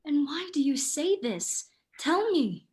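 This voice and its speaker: An actress playing a young princess daughter, speaking in a gentle, mournful way. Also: female voice, high voice, very animated, slow, exaggerated voice. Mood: anxious. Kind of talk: stage play reading.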